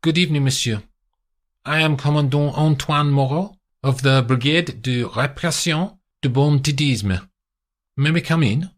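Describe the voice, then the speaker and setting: A man's voice: on the high side, a little slow, voice pushed up, close to an everyday voice. A man voicing a young male British agent who poses as a formal, solemn French police commander.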